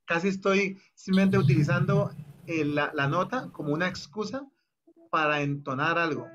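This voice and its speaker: A man's voice: on the high side, normal speed, a bit bright, lo-fi sound, slight background noise. A man directing a choir over a video call, explaining the exercise and then demonstrating it by half-singing the phrases. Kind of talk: online choir rehearsal instruction.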